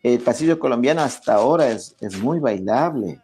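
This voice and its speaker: A man's voice: mid-range voice, animated, moderate pace, a little mellow, a little hiss or hum. A man, a guest explaining music history in a lecturing way, often checking in with "¿ya?". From Ecuador. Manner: lecturing, frequent "¿ya?" checks, many restarts. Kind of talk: explanatory interview talk.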